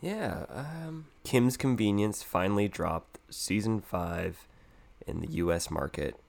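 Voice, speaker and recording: Male co-host, deep voice with vocal fry, recovering from a cold, deadpan casual chat. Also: slow, slight background noise. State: getting over a cold. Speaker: podcast co-host.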